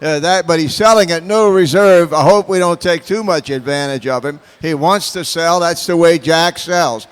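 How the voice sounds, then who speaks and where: A man's voice: fairly high pitch, moderate pace, few pauses, clear, resonant tone. A man announcing auction lots with off-the-cuff sales commentary, heard over a reverberant hall sound system. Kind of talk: unscripted sales commentary on cars.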